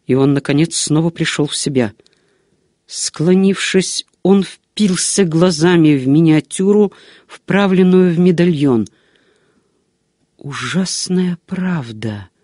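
A woman narrating a gothic novel as an audiobook reader, in an expressive, measured way. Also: low voice, no room sound, clean studio sound.

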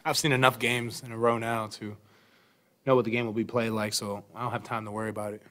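A relaxed young man answers reporters' questions after a game. He speaks into a desk mic in a press room. His voice sits a little low, and he talks thoughtfully, filling his pauses with "um" and "you know.". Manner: relaxed, thoughtful, many fillers. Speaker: basketball player at a postgame press conference. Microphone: desk microphone.

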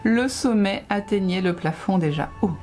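A woman reading a rhyming children's Christmas story aloud as a librarian, with expressive storytelling. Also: medium pitch, normal speed, faint music behind.

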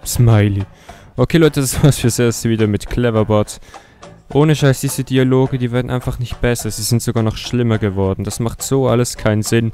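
A man's voice: medium pitch, steady tone, normal speed, mellow, soft background music. A young man hosting a comedy video, mocking and sarcastic as he comments, often laughing. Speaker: YouTuber host.

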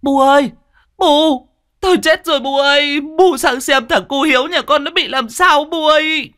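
Brief: shrill, wailing village aunt, pleading high, a man putting her on, dry close read. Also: normal speed, pushed and bright, no room sound. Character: panicked village aunt, middle-aged woman.

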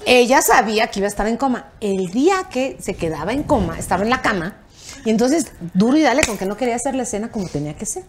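An older woman with a Mexican Spanish accent, a television producer appearing as an interview guest, tells anecdotes quickly in a somewhat high voice, with a slight hiss or hum on the recording. She is animated, acting out quoted dialogue with a raised voice and laughter.

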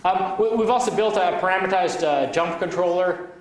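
A man lecturing in a big echoey hall, caught from some way off the mic. His voice sits a bit high for a man. He stumbles, repeats words and fills pauses with "uh" as he explains. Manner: halting, many restarts and fillers. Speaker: university lecturer. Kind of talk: academic lecture. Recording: echoey hall, from far off, faint noise.

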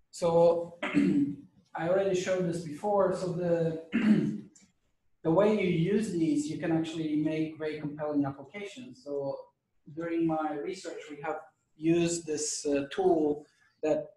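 Hoarse male lecturer in an echoey room. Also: fairly high pitch, warm tone. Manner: conversational, checks in with "okay?". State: losing his voice, clearing his throat. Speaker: university lecturer. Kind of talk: classroom lecture. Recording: echoey room, mic at a distance.

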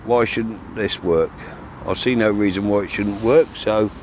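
A man's voice: on the low side, steady tone, a little slow, a little mellow, a little hiss or hum. A man, talking casually to camera while fishing from a riverbank, rambling with fillers and restarts. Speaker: fishing vlogger. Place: outdoors on a grassy riverbank by calm water. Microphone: camera mic from a few metres away, speaker often turned aside.

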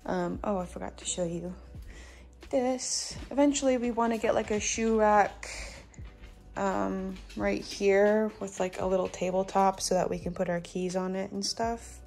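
A young woman walks through her small new house with a handheld phone camera, giving a rambling, filler-laden tour and cooing to her dog. She talks a little slowly in a medium-pitched, a little mellow, creaky voice with fairly even intonation.

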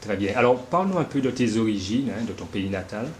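Low-voiced male interviewer. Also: expressive, fairly quick, a little mellow, a little hiss or hum. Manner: friendly prompting, tags questions with "hein". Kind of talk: casual interview.

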